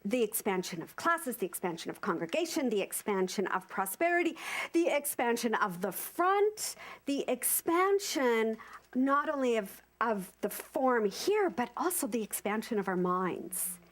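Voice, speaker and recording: A woman in her fifties giving an informal sermon to a congregation, animated and repeating phrases for emphasis. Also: fairly high pitch, measured pace. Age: 50s. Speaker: speaker at a spiritual center service.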